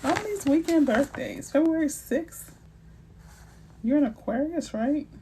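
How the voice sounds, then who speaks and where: On a casual live stream, a middle-aged New Orleans woman with a New Orleans accent plays realtor and answers viewer questions, joking around with slang and side comments. She speaks a little slowly in a high, dark-toned voice, with a little hiss or hum behind her.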